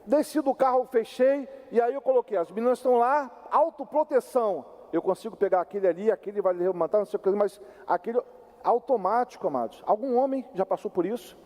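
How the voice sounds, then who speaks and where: Older pastor preaching a sermon, high but mellow voice, animated storytelling, long church reverb. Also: male voice, fairly quick. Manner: animated, conversational, addresses the congregation directly. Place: church sanctuary.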